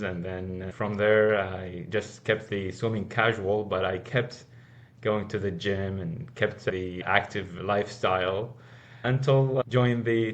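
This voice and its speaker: A man from Iraq, a podcast guest answering questions earnestly and often restarting his sentences. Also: on the low side. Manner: earnest, with frequent restarts and repeated words. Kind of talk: casual interview answers.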